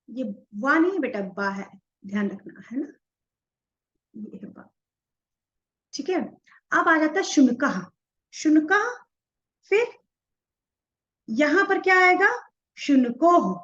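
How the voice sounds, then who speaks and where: A woman's voice: high-pitched, fairly bright tone, highs cut off. A woman teaching a class, asking questions and answering them herself as she spells words out letter by letter. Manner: spells out each letter slowly while writing. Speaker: Sanskrit teacher. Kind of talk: explaining a textbook lesson.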